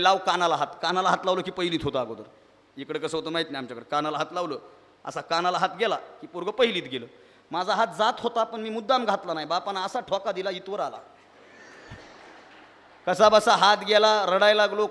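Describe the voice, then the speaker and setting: A man telling stories from his childhood to an audience of teachers, animated and acting out the voices of the people in them. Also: high voice. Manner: animated storytelling, acts out voices of father and teacher. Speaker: speaker addressing teachers. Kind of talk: storytelling speech to an audience. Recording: echoey hall with long reverb.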